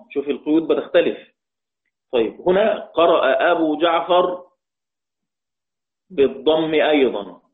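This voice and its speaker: A man with an Egyptian Arabic accent teaches an online lesson on Quran readings, explaining patiently, quizzing his class and chanting quoted verses slowly. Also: on the high side. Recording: tinny phone-like online call audio.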